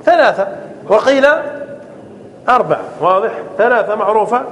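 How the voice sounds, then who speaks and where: A man teaching an Arabic grammar class. He repeats key phrases, keeps asking whether it is clear and calls on students to answer. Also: high voice, expressive, brisk, fairly bright tone, a little hiss or hum. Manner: often checks understanding with "clear?". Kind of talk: classroom lesson.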